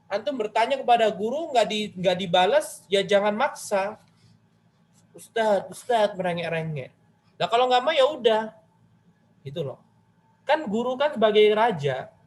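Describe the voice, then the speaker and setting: High-voiced man giving a chatty religious lesson. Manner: chatty, addresses listeners directly with rhetorical questions; retells a story, voicing its figures in quoted lines. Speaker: Islamic religious teacher. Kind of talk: conversational religious study lecture.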